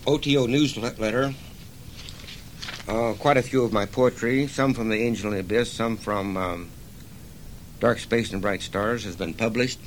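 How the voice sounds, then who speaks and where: An older man, a poet, reading his own verse in a measured, solemn recital, with hesitant asides between pieces. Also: on the low side, steady tone, a little hiss or hum. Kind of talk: poetry reading.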